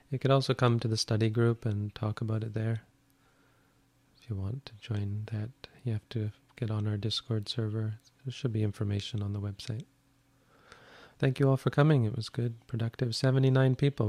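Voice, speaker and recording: A male Buddhist monk with a low, steady voice that barely rises or falls and carries a gravelly rasp. He answers audience questions plainly and frankly, with a dry, self-deprecating wit. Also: a little fast, dry recording. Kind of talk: live question-and-answer session.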